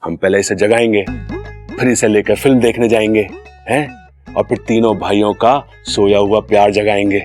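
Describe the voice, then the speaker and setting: A man's voice: on the low side, steady tone, normal speed, darkish tone, lightly acted. An actor playing a cheerful eldest brother who coaxes his younger brother in a playful way in a TV serial. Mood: coaxing. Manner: coaxing, playful. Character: cheerful scheming eldest brother, adult man. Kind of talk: TV serial acting. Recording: music playing behind.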